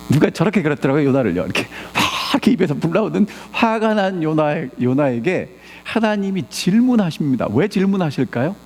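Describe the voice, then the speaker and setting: A pastor with a slightly high voice preaches a sermon fairly quickly in a church sanctuary, animatedly peppering his congregation with rhetorical questions again and again. Long church reverb fills the recording, along with slight background noise.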